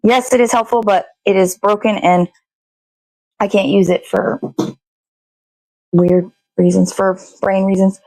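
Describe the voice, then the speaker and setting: She hosts a daily puppet show, and here she's cooking and chatting casually, rambling, talking to herself and swearing frequently. Her medium-pitched, darkish voice is fairly even and unhurried, with long pauses. The recording has no echo and is low quality.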